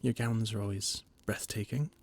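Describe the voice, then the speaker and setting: Creaky and darkish in tone, a fairly low male voice moves at normal speed as he acts out a scripted monologue. He plays a royal adviser in an audio roleplay, formal but flustered and often stammering.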